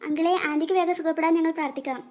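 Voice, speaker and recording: A woman's voice: very high voice, fairly even intonation, very fast, a little mellow. A woman voicing a caring older girl, a big sister, in a cartoon, kindly and questioning. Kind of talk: cartoon voice acting.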